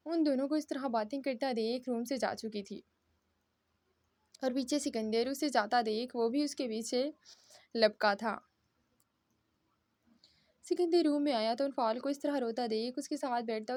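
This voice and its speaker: A woman narrating a romance novel aloud in a steady, plain storytelling manner. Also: high-pitched, dry recording.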